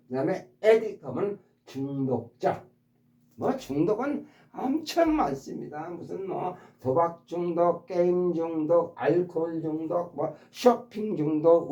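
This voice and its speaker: Lively mellow-voiced man teaching vocabulary. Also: fairly high pitch, reverberant, highs cut off. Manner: repeats words and demonstrates stress patterns; addresses subscribers politely. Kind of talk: explanatory vocabulary lesson.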